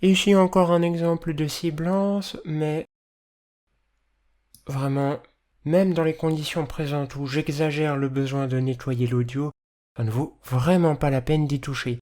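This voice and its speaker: A person with a slight lisp and hissy, slushy s sounds, explaining audio editing as a tutor in a measured, careful way. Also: medium pitch, steady tone, mellow. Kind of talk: instructional screencast narration, explanatory.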